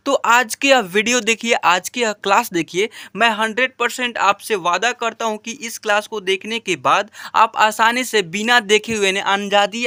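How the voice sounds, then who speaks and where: A man gives an online reading lesson, drilling syllables aloud one by one with strong emphasis, then talking through the rules in a chatty, repetitive way. His voice is bright and forceful. The recording is dry and close, with no room sound. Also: high voice, clean tone, no echo. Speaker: Hindi teacher.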